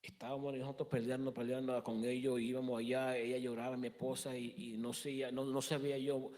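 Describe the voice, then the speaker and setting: A man in his thirties giving a halting personal testimony in a church interview, often restarting and slipping in English words. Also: medium pitch, flat delivery, darkish tone, long reverb tail.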